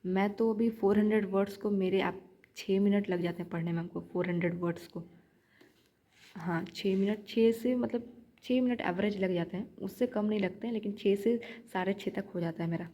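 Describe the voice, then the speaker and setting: Young woman vlogging study tips, mellow voice, keeps repeating stuff to drive it home. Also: mid-range voice, normal speed. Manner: chatty, repeats points, coaching tone. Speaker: shorthand learner vlogger. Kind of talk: casual teaching vlog.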